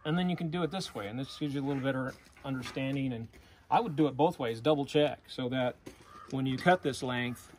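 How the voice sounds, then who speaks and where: A man's voice: medium pitch, a little fast, darkish tone, a little hiss or hum. A middle-aged man giving a hands-on welding lesson in an outdoor work yard, explaining step by step in a plain, practical way, recorded on a nearby phone camera. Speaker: welding instructor. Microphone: phone camera held nearby.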